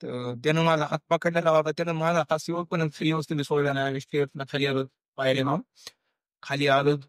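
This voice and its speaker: A young Marathi-accented man telling a true ghost story on a podcast, halting with fillers and restarts and acting out what people said. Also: on the high side, level tone, clean tone, dry recording, clean studio sound. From India. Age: young adult. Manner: halting, many fillers and restarts, acts out quoted dialogue. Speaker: guest storyteller.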